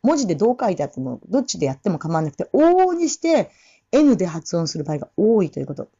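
Woman teaching english pronunciation in japanese, bouncy pitch, mellow voice, kinda dull sound. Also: sing-song, slightly rough. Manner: explains in Japanese, breaks off to sing and repeat English phrases slowly.

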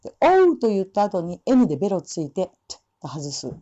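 A woman teaching English pronunciation for singing, with relaxed explanations and slow spoken demonstrations of English words. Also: mid-range voice. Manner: demonstrates English sounds slowly between explanations. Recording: dull lo-fi sound.

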